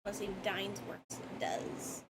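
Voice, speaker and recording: A woman's voice: medium pitch, monotone, slow pace, background noise. A woman with a morning voice chatting casually and teasing playfully during a word game on stream.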